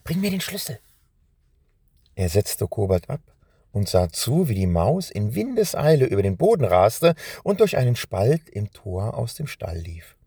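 A man narrating a scripted children's story in a calm, measured telling. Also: lowish voice, breathy edge, dry recording, clean studio sound.

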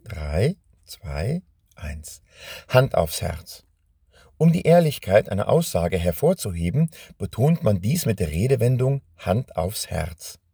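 A man reading a children's story aloud in a calm, expressive way. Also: on the low side, gravelly, husky, no room sound, studio quality.

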